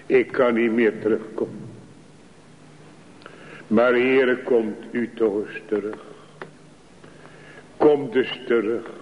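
Slow-preaching man in a dull echoey church. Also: on the low side. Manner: slow, pleading, rising to fervent calls. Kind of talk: sermon.

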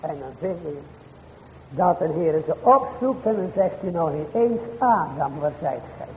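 A man preaching a sermon in old-fashioned, formal church language. He addresses his hearers directly, with sudden rises and drops in pitch and loudness. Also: expressive, normal speed, in a large hall, slight background noise, low-quality recording.

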